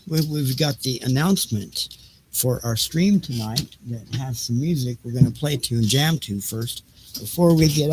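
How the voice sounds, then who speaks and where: On a noisy homemade livestream, a middle-aged host with a medium-pitched voice chatters casually and without a script. He rambles and half mutters to himself while fiddling with his gear.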